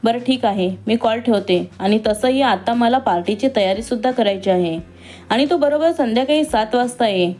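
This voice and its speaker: A woman's voice: fairly high pitch, normal speed, a little mellow, close to an everyday voice. Woman reading as a spirited young daughter. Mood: lively. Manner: outspoken, teasing. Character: spirited young woman, newly qualified doctor. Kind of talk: storybook reading.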